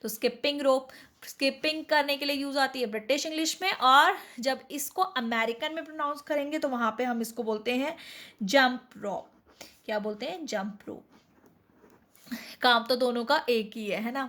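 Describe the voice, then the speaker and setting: A woman's voice: sits high, moderate pace, fairly bright tone. A woman teaching a vocabulary lesson in a chatty way, often asking the viewers questions and then answering them herself. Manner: addresses viewers as friends, asks and answers own questions. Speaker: English teacher.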